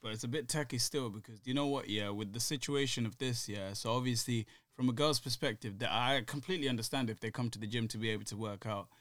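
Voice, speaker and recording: A man's voice: medium pitch, quick pace, hardly any pauses, a bit bright. British man rambling in urban slang. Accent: British urban street (MLE). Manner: rambling, repetitive. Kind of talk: casual podcast discussion in slang.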